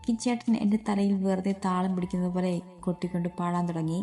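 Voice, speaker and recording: A woman narrating a romantic story in a steady, even reading voice. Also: lowish voice, quick pace, faint music behind.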